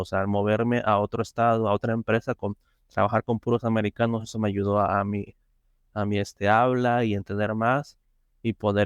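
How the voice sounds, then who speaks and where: Male guest, low clear voice, halting, filler-heavy, casual interview, dry sound. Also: no room sound. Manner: hesitant, many fillers and restarts. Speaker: interview guest, software tester.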